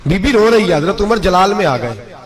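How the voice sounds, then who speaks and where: An impassioned male preacher tells a moral story. His fairly high voice swells to emphatic peaks as he presses each point home. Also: big pitch swings. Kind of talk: emotive sermon storytelling.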